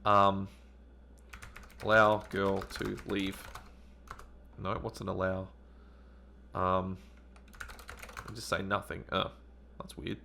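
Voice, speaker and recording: Male retro let's-play host, low gravelly voice, thinks aloud with ums, reads the game text. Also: completely flat delivery, takes it slowly, long pauses, pushed and bright, slight background noise. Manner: thinks aloud with hesitant ums while playing. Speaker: retro gaming channel host.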